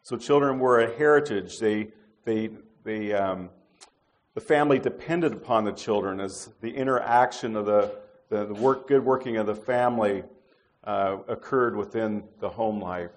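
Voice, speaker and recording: Preaching in a lowish voice, this middle-aged man keeps his sermon conversational, often stopping with fillers and beginning his sentences again.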